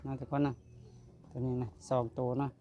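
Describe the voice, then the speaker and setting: A man's voice: medium pitch, little pitch movement, fairly quick, warm tone. A man with a Lao accent, chatting casually as a vlogger presenting donated gifts, repeating himself and seeking agreement. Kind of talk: casual chat to a family and viewers.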